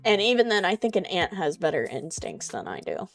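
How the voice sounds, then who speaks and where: A woman's voice: lowish voice, wildly swooping pitch, brisk, soft background music. A young woman livestreaming in a casual, rambling, self-deprecating way, with lots of "um" and "like". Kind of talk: casual livestream chat, reading chat messages.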